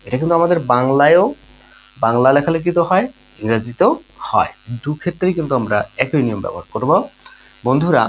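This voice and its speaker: A man in the middle of his pitch range explains a grammar lesson slowly and patiently, repeating each point and asking the listeners questions. A faint electrical hum sits under his voice. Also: animated, highs cut off. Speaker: teacher.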